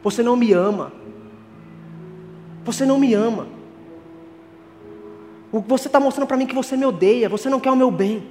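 A man's voice: extremely high pitch, moderate pace, long pauses, a little mellow. A man doing a sulky complaining older daughter. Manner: complaining, accusing. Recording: long reverb, faint music.

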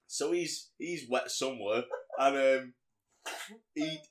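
A man chatting on a podcast, recapping a film scene by scene. He rambles and gets animated as he goes, with plenty of ums along the way. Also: medium pitch, takes it slowly. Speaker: podcast co-host. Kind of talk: casual film recap chat.

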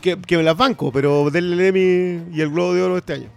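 A man with a Chilean accent co-hosting a film podcast in casual chat. He is animated and often repeats words as he starts a sentence. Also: high voice, quick pace, creaky, smooth, soft background music. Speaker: podcast co-host.

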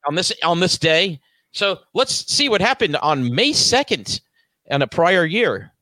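A man's voice: high-pitched, big pitch swings, unhurried, bright, forceful tone, dry recording. A man hosting a casual podcast, often stammering and repeating words. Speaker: podcast host.

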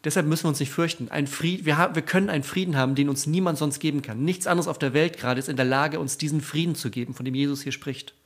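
Male pastor, sermon delivery, earnest and encouraging, a bit higher-pitched than most men. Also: fairly even intonation, fast, few pauses, husky. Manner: earnest, encouraging, speaks directly to the listener.

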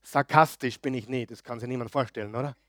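Male pastor, mid-pitched and emphatic, loud-then-soft preaching, dry close sound. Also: fast talker, no room sound. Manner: emphatic, swings between loud declarations and quiet asides; asks the audience frequent questions. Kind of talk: sermon.

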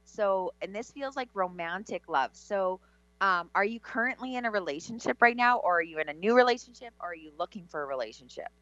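A woman giving psychic readings on a call-in show in a halting, conversational way, repeating words. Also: medium pitch, expressive, fairly bright tone, no room sound. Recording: dull, slightly lo-fi sound.

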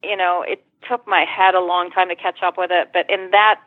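A woman's voice: on the low side, level tone, moderate pace, dry recording. A woman guest telling a personal story in conversation, retelling it vividly and swearing freely. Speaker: interview guest. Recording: tinny phone-line sound.

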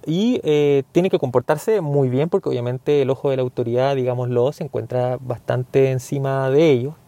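A man's voice: mid-range voice, warm tone, dry recording. A man from Chile with a Chilean accent, giving an earnest, indignant opinion monologue full of hesitant fillers.

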